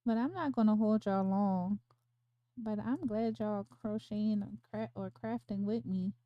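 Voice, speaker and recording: A woman's voice: medium pitch, a little slow, no room sound, dull audio. A woman hosting a casual crochet livestream from home, chatting, laughing often and counting stitches aloud. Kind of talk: casual chat while crocheting.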